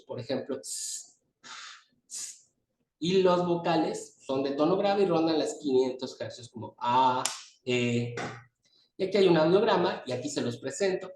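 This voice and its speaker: A man's voice: a little high, a little mellow. A man giving a medical lecture at a pediatrics conference, explaining terms step by step and pointing at his slides. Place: conference hall. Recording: echoey hall, distant mic, faint noise.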